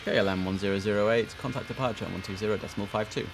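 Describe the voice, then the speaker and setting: A man streams himself running an airport tower, mixing chatty slang with controller calls. His voice sits low and gravelly, croaky from the early hour, with a clear hiss of noise around him. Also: fairly even intonation, rapid-fire. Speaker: streamer playing an air traffic control game. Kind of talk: casual live-stream commentary with radio calls.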